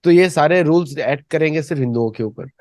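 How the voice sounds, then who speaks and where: A man hosting a discussion, talking in a measured, hesitant way with fillers. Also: on the high side, darkish tone, no room sound. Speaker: host.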